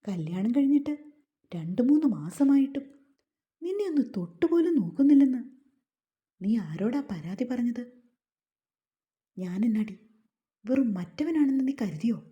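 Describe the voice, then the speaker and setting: A woman's voice: fairly high pitch, lively intonation, normal speed, pauses often, muffled recording, natural voice. A woman voicing a cruel, resentful young husband who speaks in a harsh, taunting, menacing way. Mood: angry.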